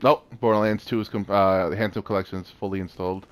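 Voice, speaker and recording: A gamer chats casually while playing a co-op game, often exclaiming and laughing. He has a lowish, clean-toned voice, steady in tone, and talks fast.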